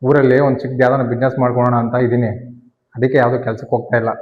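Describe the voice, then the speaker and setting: Young man in quick casual banter. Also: mid-range voice, flat delivery, long reverb tail, phone-quality sound. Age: young adult. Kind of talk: village comedy short-film acting.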